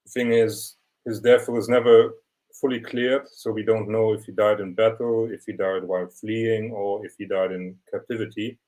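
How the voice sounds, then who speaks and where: A young man presents his photography series in a measured, explanatory way. His voice sits fairly low. It comes through a video call. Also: fairly even intonation, warm tone, poor audio. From Germany. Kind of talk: online portfolio presentation.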